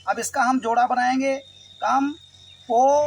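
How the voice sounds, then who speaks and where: A man's voice: extremely high pitch, normal speed, slight background noise, rough recording. A man from Uttar Pradesh teaching English reading, patiently spelling words out letter by letter. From Uttar Pradesh, India. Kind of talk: Hindi-language phonics lesson.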